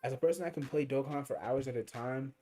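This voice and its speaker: Talking fast in a mellow, medium-pitched voice, this young gaming streamer gives casual commentary over mobile gameplay. He rambles, uses slang, and thinks out loud, with faint game music in the background.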